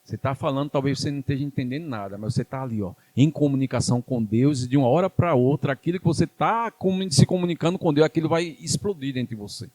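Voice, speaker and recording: Speaking quickly with hardly any pauses, a man with a Brazilian Portuguese accent delivers an emphatic church sermon in call-and-response style, repeating phrases and urging the congregation to reply. His voice is mid-range and a little mellow, with no room sound.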